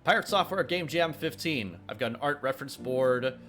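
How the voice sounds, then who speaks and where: A man's voice: medium pitch, moderate pace, a bit bright. A young man with an ordinary mid-range voice chats his way through a game dev livestream. He rambles, trips over his words with lots of uhs, and cracks corny jokes between answering chat. Faint music plays behind him at his streaming desk. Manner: rambling, full of filler sounds and restarts; jokey, reads chat questions aloud and answers them. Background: faint background music.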